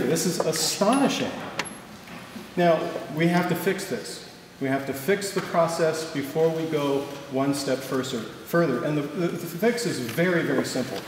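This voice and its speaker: A man with a Wisconsin accent giving an emphatic, rhetorical protest speech at a public meeting. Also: fairly high pitch. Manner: emphatic, rhetorical, repeating for stress. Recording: echoey hall, far from mic, noisy.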